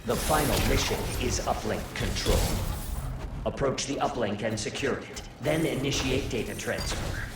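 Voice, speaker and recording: A man's voice: mid-range voice, moderate pace, natural voice. A man voicing a commanding artificial intelligence in a video game, giving formal, detached, procedural announcements. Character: cool, commanding male artificial intelligence overseeing a war game. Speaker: match announcer. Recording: echoey, distant, under loud game music.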